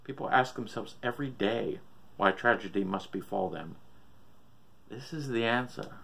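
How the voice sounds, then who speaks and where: A sick old man played by a male narrator rants in a gravelly, creaking voice. He preaches doom with bitter, profane madness, as in a horror storybook. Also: fairly low pitch, moderate pace, a bit bright. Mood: bitter, ominous. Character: ranting, sick old father gone mad with doom.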